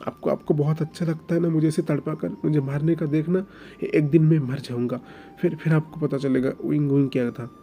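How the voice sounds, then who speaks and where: A man's voice: a little high, steady tone, fairly quick, warm tone, pitched above the performer's own voice, natural voice. A man voicing a hurt young man who cries and stammers as he pleads to be let go. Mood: anguished. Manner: stammering, tearful, repeats words. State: crying.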